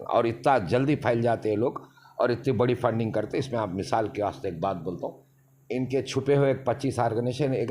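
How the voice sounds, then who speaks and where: A man's voice: fairly low pitch, darkish tone. Man, interview guest, emphatic, long winding explanations. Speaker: interview guest, party leader. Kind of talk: casual interview talk.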